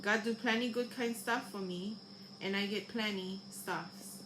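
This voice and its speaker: Slow-talking woman with Hawaiian Pidgin accent. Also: mid-range voice, steady tone, background noise. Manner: halting, informal reading with re-readings. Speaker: host reading aloud. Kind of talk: Hawaiian Pidgin Bible story reading.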